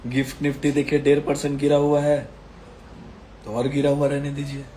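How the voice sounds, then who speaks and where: A man's voice: on the high side, completely flat delivery, normal speed, warm tone, slight background noise. A man giving stock market commentary while unwell, his throat strained and coughing, repeating phrases emphatically to reassure viewers. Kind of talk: casual market commentary video.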